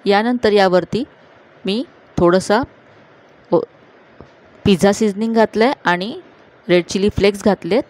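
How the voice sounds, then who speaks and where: A woman hosting a cooking channel, calmly narrating each step of a recipe to viewers in a voice-over. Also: medium pitch, measured pace, long pauses. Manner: calm, instructive, addressing viewers directly.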